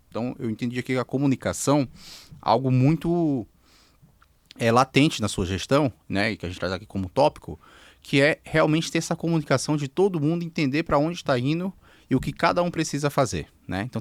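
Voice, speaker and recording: A man hosts a podcast and speaks at a middle pitch. He recaps what his guest said in neat lists and then pushes into the details. The sound is dry and close. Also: no echo. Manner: sums up points in lists, then asks for more. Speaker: podcast host. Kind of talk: casual podcast interview.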